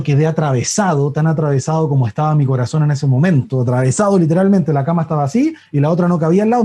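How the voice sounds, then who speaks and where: Man, middle-aged, husky, mellow tone, faltering sermon storytelling. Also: on the high side. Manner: storytelling with many restarts, acts out quoted voices. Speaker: preacher giving a testimony. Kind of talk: sermon testimony.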